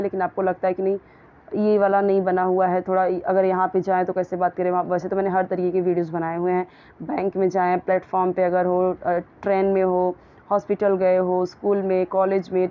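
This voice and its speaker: A woman teaching English grammar and pronunciation in a casual, patient way, often repeating words slowly so they can be copied. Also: lowish voice, dull audio.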